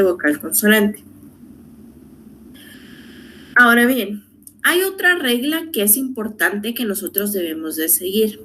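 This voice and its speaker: Female teacher, mid pitch, patient and methodical, faint hiss behind. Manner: patient, repeats rules step by step, asks rhetorical questions. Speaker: English teacher. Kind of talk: online grammar lesson.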